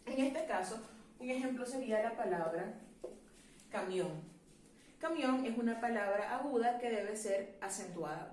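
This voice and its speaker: A woman teacher explaining a grammar lesson in a clear, measured classroom manner, asking rhetorical questions. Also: on the high side, darkish tone, roomy sound, recorded from a distance, a little hiss or hum.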